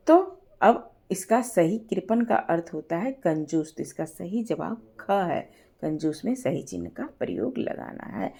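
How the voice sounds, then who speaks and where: Slow, gravelly-voiced woman teaching grammar. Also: mid-range voice, a little mellow. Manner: explains step by step, asks rhetorical checks. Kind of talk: Hindi grammar lesson.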